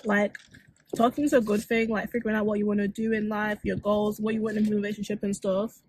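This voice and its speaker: A woman co-hosting a casual chat talks fast and frankly in a medium-pitched, level, darkish voice, peppering her speech with "like" and "mm-hmm" and sometimes reading out listener questions. There is slight background noise.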